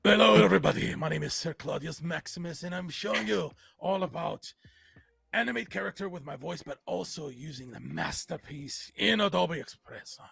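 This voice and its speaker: Man doing a stoic pirate gentleman, loud and showy, pitched up. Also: lively intonation, normal speed, creaky, full character voice.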